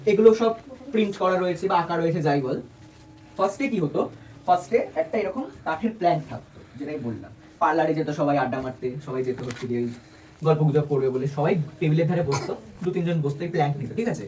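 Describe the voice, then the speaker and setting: A man's voice: fairly high pitch, a little mellow. A young man giving a casual presentation to a small group of friends, chatty, asking them questions and joking as he explains. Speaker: student presenter. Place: indoor room with a small group. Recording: distant mic with light room noise.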